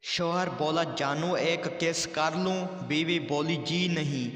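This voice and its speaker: Slow, echoey man telling jokes. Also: fairly high pitch, steady tone, fairly bright tone, shouting, faint music behind. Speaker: joke narrator. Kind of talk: reading jokes aloud. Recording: echoey room with long reverb.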